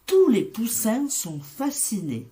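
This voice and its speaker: Slow, expressive woman reading a children's story. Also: fairly high pitch, slightly rough. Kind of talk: children's story read-aloud.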